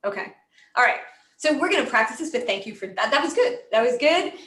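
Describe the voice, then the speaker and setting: A woman's voice: fairly high pitch, animated, quick pace, fairly bright tone, roomy sound. An American woman coaching a live online class, encouraging and chatty, full of "you know" fillers. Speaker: voice and presentation coach.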